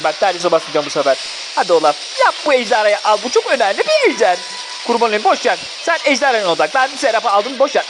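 A gamer gives running commentary on their own mobile match, swearing freely and cheering or scolding teammates in bursts of excitement. The voice is mid-range, with background noise behind it.

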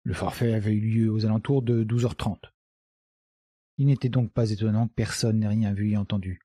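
A man narrating a mystery audiobook in the first person, in a measured storytelling way. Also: lowish voice, fairly even intonation, dark tone, breathy edge, no echo, studio quality. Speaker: audiobook reader.

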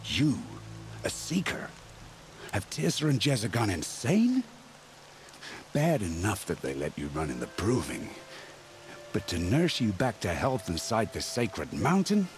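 Casting: contemptuous game war chief, low voice, wildly swinging intonation. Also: male voice, huge pitch swings, unhurried, pauses often, a little hiss or hum. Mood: scornful. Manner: contemptuous, pompous. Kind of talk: video game cutscene acting. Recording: faint rain and ambience behind. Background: rain ambience.

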